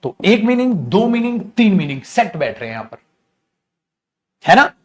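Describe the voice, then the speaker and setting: Male grammar teacher, high-pitched, animated, coaxing online lecture delivery. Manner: animated, addresses students as "beta"; drawls sentences slowly while writing. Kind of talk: online exam-prep lecture.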